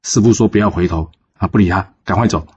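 A man's voice: sits low, quick pace, a little mellow, dull audio, slight background noise, natural voice. A man voicing a weary male strategist who grumbles reluctantly, in a told folk story. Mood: grumbling. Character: weary male strategist, hesitant and put-upon.

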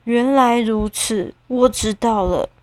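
A woman's voice: on the high side, slow pace, no room sound. A woman voicing a stern, sensible dog in a storybook read-aloud, with a firm, scolding manner. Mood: calm.

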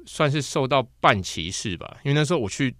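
A young man from Taiwan, a guest on a casual podcast chat, telling animated stories about his acting past. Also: mid-range voice, brisk, dry recording, studio quality. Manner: animated storyteller who slips into mimicked voices.

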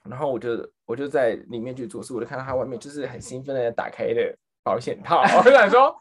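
A man recounting a funny story on a casual podcast. His pitch jumps around a lot, and he breaks into frequent laughter while mixing English phrases into his talk. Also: quick pace, breathy edge. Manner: animated, laughs often, mixes in English phrases. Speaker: podcast guest.

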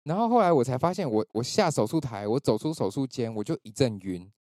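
A man's voice: mid-range voice, brisk, no room sound, studio quality. A man with a Taiwanese Mandarin accent hosting a podcast, telling a personal story in casual chat and acting out the voices of the people in it. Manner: animated storytelling, acts out quoted voices. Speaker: podcast host.

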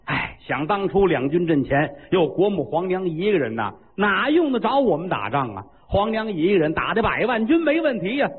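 Weary timid marshal voiced by a man, low, resigned, husky, echoey. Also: sing-song, moderate pace, hardly any pauses, narrow, tinny audio, full character voice.

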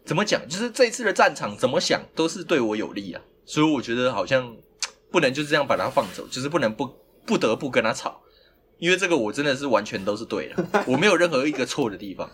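A man's voice: mid-range voice, very animated, fast talker, fairly bright tone, slight background noise. A man with a Taiwanese Mandarin accent, hosting a casual podcast and animatedly telling a story, often breaking into laughter. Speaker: podcast host.

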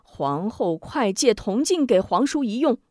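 A woman's voice: a little high, very animated, measured pace, a little mellow, dry recording, studio quality. A woman voicing an amused, commanding emperor. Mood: regal, amused. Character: shrewd, lively male emperor.

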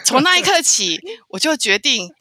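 Lively bright-voiced woman. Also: high voice, moderate pace, no echo, clean studio sound. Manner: animated, stammers and repeats words. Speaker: guest traveler. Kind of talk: casual storytelling interview.

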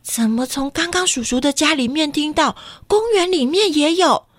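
A woman reads a picture book to children in a high, very animated voice, often stopping to ask them questions. Her pitch moves lively up and down. The sound is close and dry. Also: normal speed, no echo. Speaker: children's storyteller. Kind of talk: picture-book read-aloud for kids.

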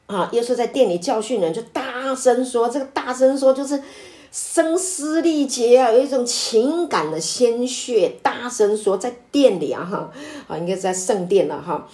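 A woman pastor leading a conversational Bible study, speaking with many drawn-out fillers and hesitations and rising to emphatic exclamations. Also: a little high, dark tone.

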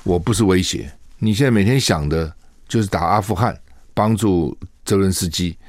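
Low-voiced older Taiwanese radio host. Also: male voice, normal speed, darkish tone, dry recording, studio quality. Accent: Taiwanese Mandarin. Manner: chatty, rhetorical questions, acts out quoted voices. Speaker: radio talk show host. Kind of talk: casual political commentary. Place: radio studio.

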